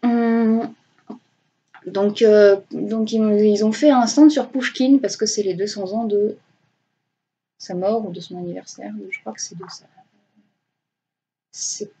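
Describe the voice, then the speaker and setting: A woman's voice: medium pitch, slow, pauses often, dark tone, dull audio, a little hiss or hum. A young woman chatting casually about her reading weekend, rambling with many hesitations and self-corrections and poking fun at herself. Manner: self-mocking. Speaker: booktuber.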